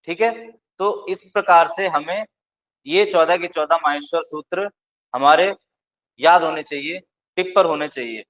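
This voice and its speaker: Slow, deliberate male Sanskrit teacher. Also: fairly high pitch, a bit bright, low-quality recording. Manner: slow, deliberate, recites syllables one by one. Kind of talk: recorded lecture.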